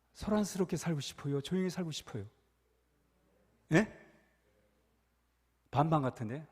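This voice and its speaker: A male pastor delivers a sermon with animated storytelling, piling up repeated phrases and turning to the congregation with questions. His voice sits high for a man, and it rings through a church sanctuary with a long reverb tail. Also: slightly rough. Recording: echoey church hall.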